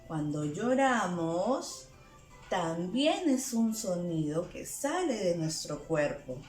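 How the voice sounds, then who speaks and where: A woman's voice: fairly low pitch, big pitch swings, slow, a little mellow. A woman teaching a lesson to small children, asking them questions and playfully acting out sounds. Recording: echoey room with faint music.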